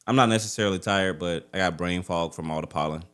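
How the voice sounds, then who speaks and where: A man's voice: low-pitched, fast, a bit bright, clean tone. A man co-hosting a podcast, chatting casually in a slangy way. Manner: slangy, often tags lines with man, dog or bro. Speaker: podcast co-host. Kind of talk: casual chat.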